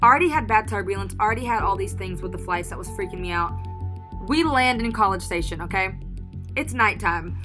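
A woman's voice: mid-range voice, expressive, a little fast. A young woman hosting a vlog and telling a story in a chatty, dramatic way with lots of filler words, with music behind her. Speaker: vlog host.

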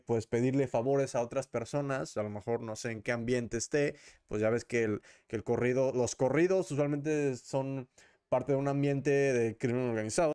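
Man, host of a reaction show. Casual, opinionated commentary, filler-heavy, ordinary mid pitch. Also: a little mellow, clear, resonant tone, dry recording, clean studio sound. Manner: opinionated, with many fillers and tag questions.

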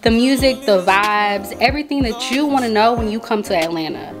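A woman's voice: fairly high pitch, brisk, music in the background. A woman food vlogger, chatting upbeat to her viewers, recorded on a phone in a car. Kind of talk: casual vlog chat to camera. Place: inside a car.

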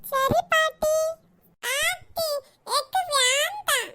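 A woman's voice: extremely high pitch, drawn-out words, noisy background, heavily acted. A woman voicing a small, whiny child in a cartoon who pleads with the grandmother. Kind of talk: cartoon voice acting.

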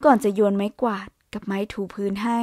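Romance audiobook narrator, woman, steady unhurried reading, dry close recording. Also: mid-range voice, dry recording. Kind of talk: storytelling narration of a romance novel.

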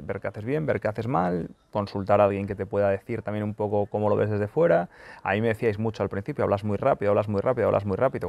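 Man, vlogger answering questions; blunt and sweary, lots of fillers, fairly low voice, dry sound. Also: creaky, darkish tone, dry recording. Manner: blunt and profane, with many fillers and restarts. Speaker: football journalist and video host. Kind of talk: casual question-and-answer vlog. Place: in Qatar during the World Cup.

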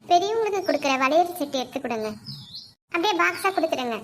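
A woman voicing a practical older sister in a cartoon, chatty and brisk while running errands. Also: very high voice, expressive, slight background noise. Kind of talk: cartoon voice acting.

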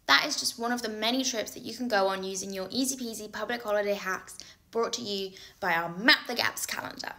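A young woman presenting a travel promotion, bubbly, playful and enthusiastic in an upbeat pitch. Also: a little fast, pushed and bright. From not Australia.

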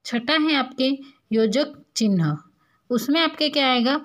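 एक शिक्षिका बच्चों को पाठ पढ़ाती है, खुद सवाल पूछकर खुद ही जवाब देती है।. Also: female voice, high voice, animated, measured pace, fairly bright tone. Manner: asks questions and answers them herself, explaining patiently. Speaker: school teacher. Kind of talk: recorded classroom lesson.

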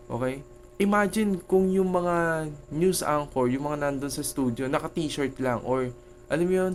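A man's voice: on the high side, slight background noise. A Filipino man with a Filipino accent, a teacher giving an online lecture in a conversational way, often checking in with "okay?" and "no?".

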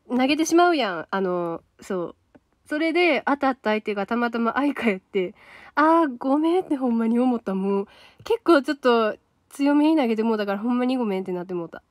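A young woman with a Kansai accent hosts a solo livestream and reads viewer comments aloud in a loose, chatty way. Her voice sits a little high. The sound is close and dry, with no room around it. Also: no room sound. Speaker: idol trainee livestream host.

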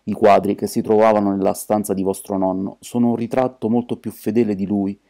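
A soft-spoken little priest detective, calm and quietly firm, read by a man. The voice sits low and mellow. It stays steady even when he is curt. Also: brisk, creaky. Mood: gentle. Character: small gentle elderly male priest detective.

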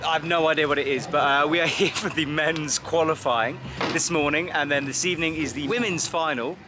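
A man in his thirties vlogs to a camera he holds out at arm's length, talking in a casual, chatty way. His voice sits a little high for a man, and music plays clearly behind him. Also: brisk. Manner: chatty and upbeat, flat and tired late at night. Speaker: climbing commentator and vlogger. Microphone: handheld camera at arm's length.

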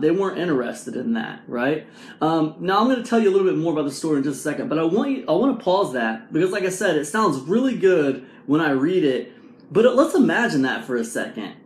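A vlog host in his forties with a high voice tells a motivational story to camera, casual and animated, packed with fillers and rhetorical questions. He's filmed on a phone held at arm's length in a small room at home, and the sound is echoey.

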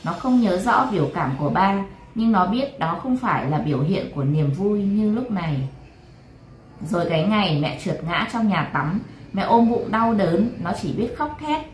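A woman host narrating late-night stories in a calm, even reading voice. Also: mid-range voice. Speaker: storyteller host. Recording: roomy echo, faint noise.

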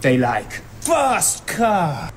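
A boastful young sitcom guy, tossing off short exclamations. His pitch leaps and dives all over, and he drags each word out slowly. A faint hiss sits under the clip. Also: wildly swooping pitch, exaggerated voice. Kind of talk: sitcom acting.

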